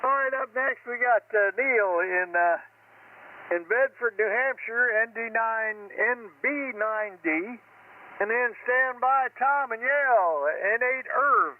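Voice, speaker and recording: A man's voice: extremely high pitch, takes it slowly, recorded from a distance. Man, net control, shortwave radio effect, faint static hiss, thin tinny sound, easygoing chatty manner. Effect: heard over shortwave ham radio with static. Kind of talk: casual radio net chat.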